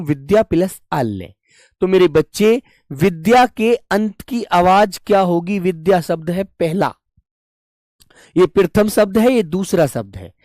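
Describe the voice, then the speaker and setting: A young man teaching a live online Hindi class, patient and deliberate, repeating each point and calling students his dear children. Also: high-pitched, darkish tone, dry recording, studio quality. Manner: slow and deliberate, breaks words into parts.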